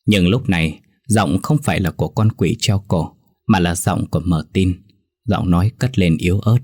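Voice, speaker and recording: A man narrating a first-person horror story in a tense, measured storytelling manner. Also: low-pitched, darkish tone.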